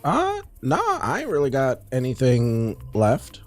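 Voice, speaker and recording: A man chatting on a casual podcast with a dark, mellow tone. His pitch moves a lot as he tells slangy stories and mimics others. Faint music runs under. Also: wildly swooping pitch, a little slow. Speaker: podcast co-host. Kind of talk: casual group chat.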